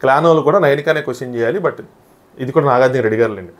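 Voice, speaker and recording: Fast-talking man recapping a show. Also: mid-range voice, muffled recording. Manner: animated retelling of events, often quoting others. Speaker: TV show reviewer. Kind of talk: casual episode review recap.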